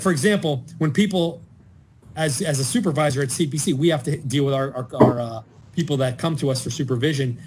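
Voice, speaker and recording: A man's voice: fairly high pitch, a little mellow, slight background noise. A middle-aged man, a mental health and addiction counselor, giving earnest advice in an informational talk and telling stories with animation.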